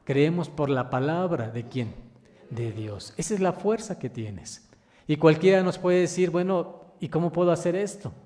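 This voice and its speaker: A man's voice: a little high, animated, normal speed, mellow. A man minister preaching a sermon, reading scripture aloud and putting questions to the congregation, whom he calls brothers. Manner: addresses listeners as brothers. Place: church. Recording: long church reverb.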